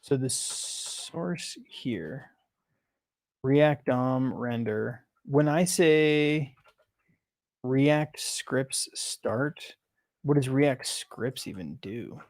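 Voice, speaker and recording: Developer, male, halting think-aloud while debugging, dry close sound, unhurried. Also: medium pitch, animated, vocal fry, a little mellow, no room sound. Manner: halting, self-questioning, many restarts. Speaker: software developer.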